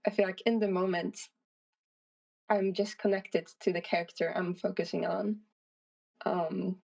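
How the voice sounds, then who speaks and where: An indie game creator, appearing as an interview guest, speaks casually and thoughtfully, feeling her way through answers with some hesitation. Her lowish, gravelly voice is a little mellow, and she sounds far from the mic on poor-quality audio.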